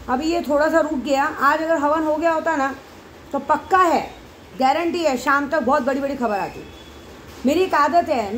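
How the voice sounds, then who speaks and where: High-voiced woman rambling emotionally. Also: slight background noise, poor audio. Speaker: devotee leading night prayers. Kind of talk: casual monologue to followers.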